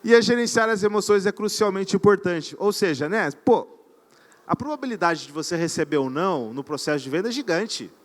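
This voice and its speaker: A man giving an energetic live seminar talk on stage, often quizzing his audience. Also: sits high, fairly quick. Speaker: conference speaker. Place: event stage before an audience.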